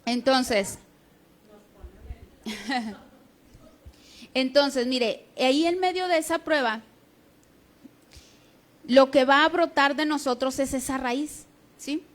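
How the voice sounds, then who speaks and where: A woman delivers a sermon in a high voice. She teaches in a conversational way, often pausing to ask her congregation whether they follow. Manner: conversational teaching with frequent checking questions. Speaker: preacher.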